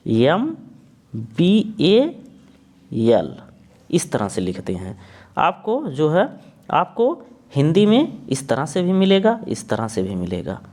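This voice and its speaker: A man's voice: on the high side, a little mellow. A young man teaching a spelling lesson, sounding out words and spelling them letter by letter. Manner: spells out letters one by one, repeats words slowly.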